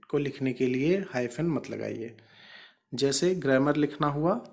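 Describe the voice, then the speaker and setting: Guy teaching english grammar in speech, patient and repetitive, asks the class questions. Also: medium pitch. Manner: patient, repeats each rule, asks rhetorical questions. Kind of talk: explaining grammar lesson.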